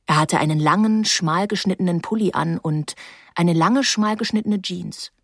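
A woman narrating a first-person novel as an audiobook, calm and wry. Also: on the low side, normal speed, slightly rough, no echo, clean studio sound.

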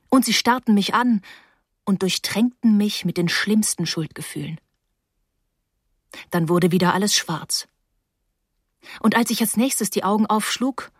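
A woman's voice: mid-range voice, breathy edge, no echo, clean studio sound. German woman narrating an audiobook. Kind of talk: first-person novel narration.

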